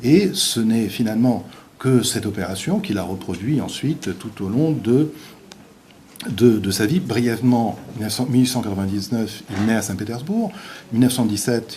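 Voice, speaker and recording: Middle-aged male professor, lowish warm voice, halting academic lecture with dry wit. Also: a little hiss or hum. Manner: hesitant, halting delivery with many pauses; dry, wry humor in asides. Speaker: visiting professor giving a lecture.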